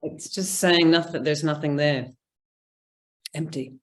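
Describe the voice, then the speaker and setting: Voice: medium pitch, fairly even intonation, measured pace. Chatty New conference speaker. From New Zealand. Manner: chatty, informal, frequent ums. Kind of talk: presenting a talk over video call. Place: indoor room, remote. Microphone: video call.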